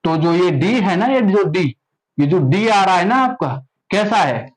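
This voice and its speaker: High-voiced man teaching maths. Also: expressive, a little slow, low-quality recording. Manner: questioning, repeats prompts and answers himself. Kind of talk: classroom maths lesson.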